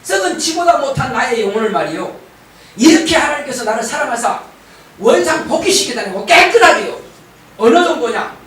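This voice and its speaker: A man's voice: extremely high pitch, sing-song, fairly quick, a bit bright. A middle-aged man preaching a sermon as pastor, emphatic and calling for responses from the congregation. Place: church sanctuary. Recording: very echoey church hall, distant mic.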